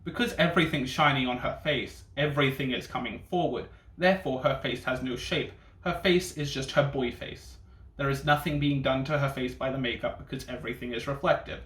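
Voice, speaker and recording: Fairly quick and a bit bright, a man's mid-range voice carries casual reaction commentary from a reviewer hosting a ranking video. He speaks with sassy, bitchy drag-queen flair, swearing and using camp slang throughout. The sound is echoey, with faint noise.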